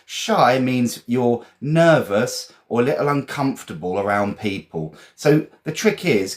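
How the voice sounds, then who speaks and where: Leading an informal live vocabulary session, an Englishman with a mid-range voice and English accent keeps things chatty and encouraging, repeating phrases frequently.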